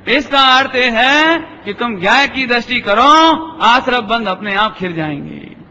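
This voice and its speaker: This Jain scholar's discourse is a sermon built on parables, delivered in a high, bright male voice at a measured, animated pace. He plays the characters in his stories and pauses to check with rhetorical questions whether listeners follow. Captured in a lecture hall, the audio is dull and lo-fi with a long reverb.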